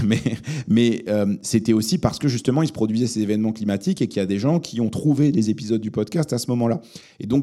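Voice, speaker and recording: A man born in Lebanon speaks in a low, very dark voice. He is a journalist giving thoughtful interview answers and often pauses to search for words. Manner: thoughtful, many hesitations and fillers. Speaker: journalist and podcast host, guest here.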